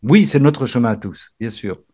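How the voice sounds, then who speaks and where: A man's voice: medium pitch, animated, moderate pace, mellow. A man leading a spiritual reading group, effusive, exclaiming often and stumbling into restarts as he talks. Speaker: prayer group leader.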